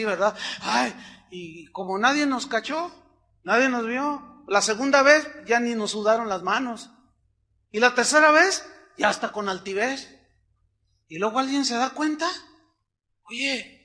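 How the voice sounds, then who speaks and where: Middle-aged Mexican male pastor, high bright tense voice, animated storyteller in the pulpit. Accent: Mexican Spanish. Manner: animated, acts out quotes, swings from loud to hushed. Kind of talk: sermon with personal storytelling.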